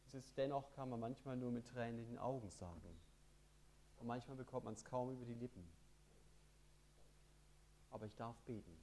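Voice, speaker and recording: A man preaching a sermon with lively emphasis, reading scripture passages aloud. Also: mid-range voice, normal speed, long pauses, a little hiss or hum.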